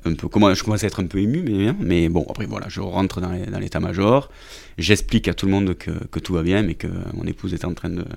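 A French army officer telling a story from a deployment in a casual interview, talking hesitantly with many restarts. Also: male voice, deep voice, quick pace, vocal fry, darkish tone. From France.

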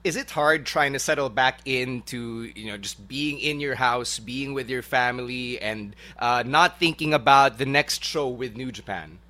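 A man's voice: mid-range voice, a little slow, hardly any pauses, bright, forceful tone. A man, hosting a casual podcast interview. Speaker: podcast host.

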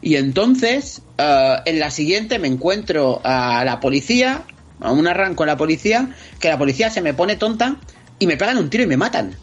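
Expressive Spanish man, husky lo-fi audio. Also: on the high side, moderate pace. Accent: Spain Spanish. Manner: expressive storyteller, acts out scenes with interjections. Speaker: podcast guest. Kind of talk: casual podcast chat. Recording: slightly dull lo-fi audio, faint music behind.

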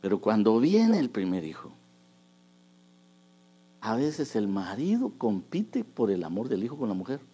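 A man preaching a sermon, moving between hushed asides and loud, emphatic bursts. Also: fairly low pitch, big pitch swings, a little slow, long pauses, husky.

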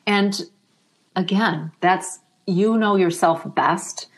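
A middle-aged woman speaking softly and reflectively as an interview guest, emotional as she talks. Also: mid-range voice, slow pace. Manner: soft-spoken, reflective, emotional.

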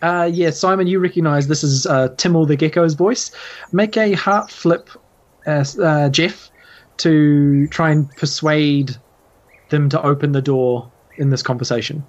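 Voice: mid-range voice, measured pace, dull audio. A game master running a tabletop game in a casual, hesitant way, full of ums and likes.

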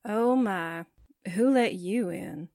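A woman with a warm, mid-range voice speaks slowly in a studio-quality recording without echo. She plays the sassy, skeptical newspaperwoman sidekick of a 1940s-style radio drama, sarcastic and pointed with dry wisecracks.

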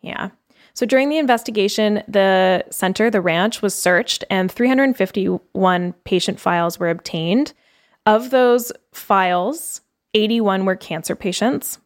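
A woman's voice: medium pitch, measured pace. Chatty woman podcast co-host. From Canada. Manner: chatty storytelling with many fillers. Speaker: podcast co-host telling a case. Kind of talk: casual chat.

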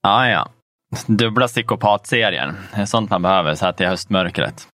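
Bright-toned, low-voiced man chatting casually. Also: no room sound, studio quality. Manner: rambling, many fillers and casual swearing. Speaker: podcast co-host. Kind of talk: casual chat about video games.

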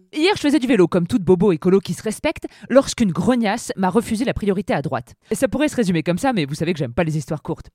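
A woman hosts a podcast with a scripted comic monologue, her pitch leaping up and down. She teases and jokes with a sardonic edge, close and dry, with faint music behind her. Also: a little mellow, no echo. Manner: sardonic, playful, teasing. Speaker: podcast host.

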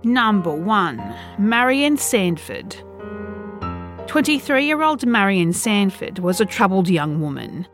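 A woman hosting a podcast, reading a scripted true crime narration in a measured, serious, suspenseful storytelling manner. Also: mid-range voice, expressive, a bit bright, faint music behind.

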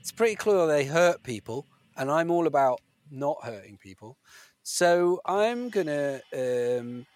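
A man playing a tabletop game, jokey and animated, often cracking himself up. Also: medium pitch. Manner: jokey, animated, bursts into laughter. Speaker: player.

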